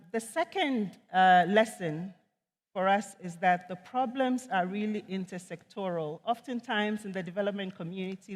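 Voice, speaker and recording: Woman economist from Ghana, measured conference speaker, mid pitch, long hall reverb on a stage mic. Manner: measured, earnest, with frequent ums. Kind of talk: conference talk.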